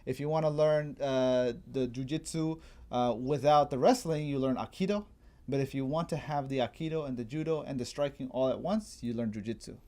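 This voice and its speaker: Man, casual chat host, mellow tone, explanatory, trails off, laughs easily. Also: mid-range voice, brisk. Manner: explanatory, laughs often, trails off mid-sentence. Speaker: fitness trainer and host.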